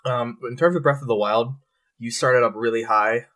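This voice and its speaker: A man co-hosting a podcast in casual chat, relaxed and swearing freely. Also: medium pitch, moderate pace. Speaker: podcast co-host.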